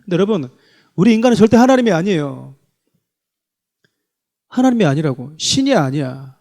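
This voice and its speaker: Man, pastor, sermon, emphatic, rhetorical questions, high-pitched. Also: animated, moderate pace, dark tone.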